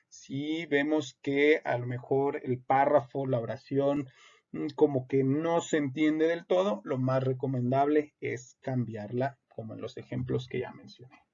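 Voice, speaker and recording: A man's voice: a little high, vocal fry, a little mellow. A man giving a methodical lesson on spelling rules, reading example sentences aloud and explaining each one. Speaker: instructor. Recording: dull lo-fi recording.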